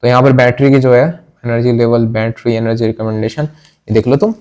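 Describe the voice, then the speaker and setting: A man's voice: mid-range voice, fairly even intonation, moderate pace, a little mellow. A young man who gives a blunt, preachy pep talk to camera, with crude slang and English phrases mixed in. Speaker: tech vlogger. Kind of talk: casual motivational talk to camera.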